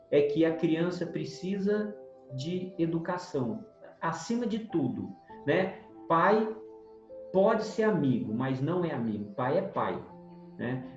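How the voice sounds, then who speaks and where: A man co-hosting a spiritist book study, talking in a conversational way and often turning to his co-host. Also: a little high. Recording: roomy sound, dull lo-fi, soft music.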